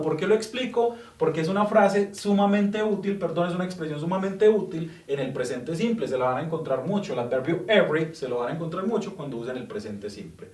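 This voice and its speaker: A man giving a patient, explanatory English grammar lesson, repeating example sentences slowly. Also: high voice, echoey room, recorded from a distance. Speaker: English teacher.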